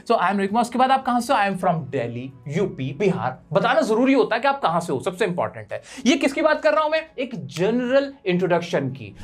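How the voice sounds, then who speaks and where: A man's voice: high-pitched, a bit bright. A man teaching English phrases in a chatty video lesson, asking and answering his own questions and joking with viewers he calls friends.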